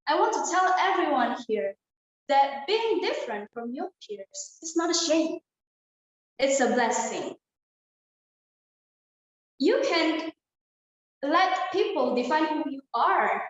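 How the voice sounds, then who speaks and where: Speaking to her listeners head-on via video call, this young adult student from Indonesia gives a sincere, rehearsed motivational talk. The audio is low quality, with heavy reverb around her high-pitched voice.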